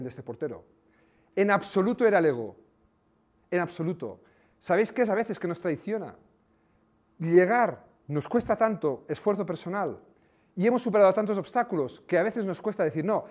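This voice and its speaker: High-voiced Spanish man telling stories. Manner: animated storytelling with sound effects. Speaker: motivational speaker and former coach. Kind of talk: motivational talk to an audience.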